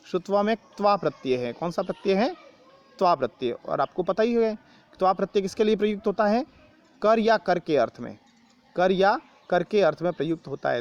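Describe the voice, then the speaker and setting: A man teaching an online Sanskrit lesson, explaining each word in Hindi with a Rajasthani Hindi accent, patiently repeating words and asking questions. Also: high-pitched. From India.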